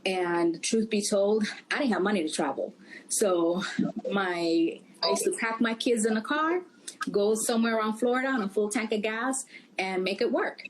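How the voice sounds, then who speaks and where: A woman's voice: medium pitch, moderate pace, poor audio. A middle-aged woman from Puerto Rico, a guest speaking in a casual interview, conversational and full of "you know" fillers. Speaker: travel company founder, guest. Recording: faint background noise.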